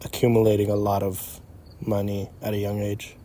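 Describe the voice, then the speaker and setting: In an unscripted conversation, a man in his early twenties, a young entrepreneur, talks at a moderate pace in a lowish voice, thoughtful and casual as he finds his words. The setting is an empty parking lot outdoors, with steady cricket and night-insect noise.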